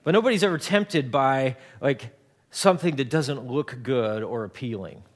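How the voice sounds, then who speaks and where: A man's voice: mid-range voice, moderate pace. A man in his forties preaching a conversational sermon, often repeating words and mixing in homely everyday examples. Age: 40s. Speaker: pastor.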